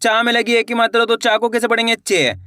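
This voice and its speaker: A man teaching beginners to read, sounding out syllables slowly one by one and answering his own questions. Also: extremely high pitch, little pitch movement, sharp tone, clean tone, no echo, clean studio sound. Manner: slow, drilled syllable-by-syllable sounding out; asks the viewer questions, then answers them himself. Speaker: Hindi reading teacher. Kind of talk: online reading lesson for beginners.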